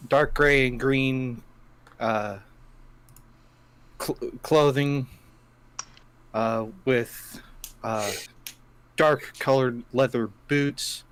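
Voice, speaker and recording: A man playing in a tabletop role-play session, describing his character haltingly with many fillers and restarts, and swearing casually. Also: medium pitch, fairly bright tone, clear, resonant tone, no room sound. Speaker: player.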